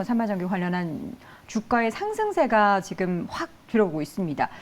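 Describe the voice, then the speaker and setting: Lady hosting a finance tv show, bouncy voice, keeps asking stuff. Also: fairly high pitch. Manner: lively, guiding questions with quick backchannels. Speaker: TV show host. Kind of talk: TV market talk show hosting. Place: TV studio.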